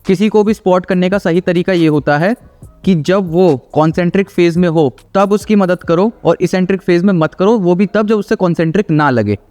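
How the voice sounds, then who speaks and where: A man's voice: high-pitched, brisk, darkish tone, soft background music. A man giving casual, teasing commentary on gym videos, explaining technique and often checking in with "theek hai". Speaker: fitness video reactor and host.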